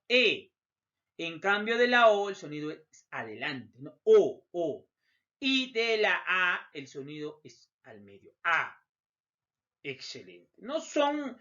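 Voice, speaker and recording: A man's voice: sits high, sharp tone. A man teaching a recorded lesson over slides, emphatic, repeating key terms and letting his phrases drop off at the end. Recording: dull lo-fi recording.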